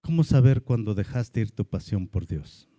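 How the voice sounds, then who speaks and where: A man with a Mexican Spanish accent, a pastor preaching a lively sermon and acting out the voices of churchgoers. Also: lowish voice, normal speed, no room sound.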